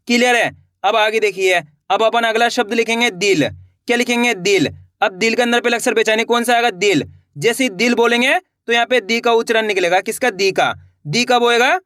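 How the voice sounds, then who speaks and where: A man's voice: very high voice, fairly bright tone, no echo, clean studio sound. A man teaching beginners to write words step by step, repeating each word and asking the viewer questions. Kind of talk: slow spelling lesson for beginners.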